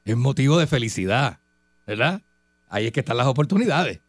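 Host, repeating for laughs. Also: male voice, medium pitch, animated, fairly quick, a little hiss or hum. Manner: repeats phrases for comic effect. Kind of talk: casual comedic banter.

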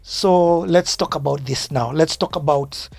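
A man's voice: a little high, measured pace, gravelly, a little mellow, dry recording. A man hosting a podcast and chatting casually with a guest. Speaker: podcast host interviewing. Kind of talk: casual chat.

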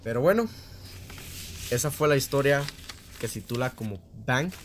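A man's voice: mid-range voice, lively intonation, moderate pace. Radio host guy telling a scary story, drags out repeats for drama, says este a lot, medium voice, faint hiss. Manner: dramatic, repetitive narration with fillers.

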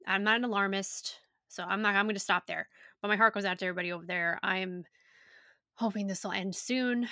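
Woman, slightly raspy, casual podcast chat, swears freely, crisp bright tone. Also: mid-range voice, no room sound, studio quality. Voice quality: a little raspy. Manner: chatty, loose and profane, with many likes. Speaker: podcast host and yoga teacher. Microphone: home podcast microphone.

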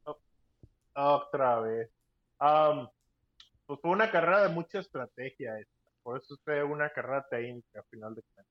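A man's voice: mid-range voice, moderate pace, long pauses. A man co-hosting a podcast over an internet call that keeps cutting out, chatting casually with hesitant fillers. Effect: internet call dropping out, choppy. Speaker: podcast co-host. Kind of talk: casual chat about motor racing. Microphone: remote call mic. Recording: dull lo-fi internet call audio.

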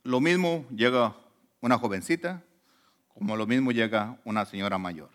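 A man preaching a sermon as a pastor, conversational and animated, often asking rhetorical questions. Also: mid-range voice, normal speed.

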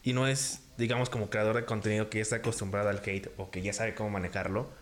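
A man's voice: lowish voice, level tone, fast. A young man co-hosting a casual chat, full of crude slang and swearing, laughing often as he talks.

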